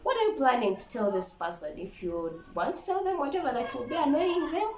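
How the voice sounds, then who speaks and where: A woman vlogger giving an animated, playful motivational talk to camera. She acts out other people's voices and calls the viewer darling. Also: high-pitched, brisk. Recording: echoey room with background noise.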